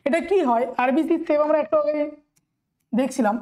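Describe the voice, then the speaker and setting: High-voiced Bengali woman tutoring nurses. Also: mellow. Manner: reads questions slowly, then explains quickly with repeated check-ins. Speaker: nursing exam tutor. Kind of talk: exam-prep lecture.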